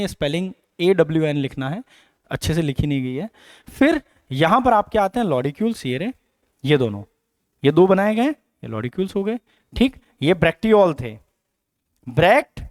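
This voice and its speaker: A man teaches biology in a high, lively voice that leaps up and down as he asks and answers his own questions. The sound is close and dry, with no room around it. He drills key terms by repeating them. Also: dry recording. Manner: explains with questions and repetitions, Hinglish mix. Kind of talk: exam coaching lecture.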